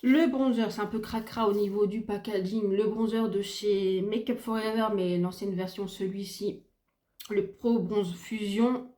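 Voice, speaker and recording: Middle-aged woman, mellow voice, chatty home beauty vlog, gushing with fillers and repeats. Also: mid-range voice, fairly even intonation, a little slow, reverberant. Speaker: beauty vlogger. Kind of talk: casual makeup review chat. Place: home room by a window, ring light. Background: faint sounds of kids gaming and neighbour's renovation.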